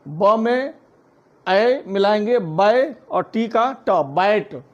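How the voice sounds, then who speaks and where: A man teaching a phonics lesson, spelling words out letter by letter and then saying each one slowly. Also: sits high, lively intonation. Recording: dull lo-fi recording.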